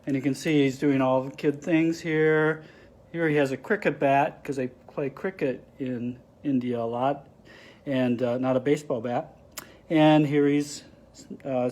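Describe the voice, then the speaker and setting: A man's voice: on the high side, darkish tone. A man reading a picture book aloud to children, explaining the pictures with friendly asides. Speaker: storybook reader.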